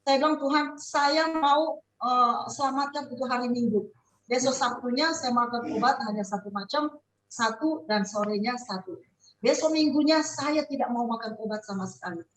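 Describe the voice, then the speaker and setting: A high-voiced older woman gives a personal faith testimony over a video call and acts out the voices of the people in her story. She sounds set back from the microphone in an echoey room with a faint hiss underneath. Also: moderate pace. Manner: animated storytelling, acting out the nurse's and doctor's words. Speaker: prayer group member giving a testimony. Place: online prayer group call. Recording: echoey, distant from the mic, faint noise.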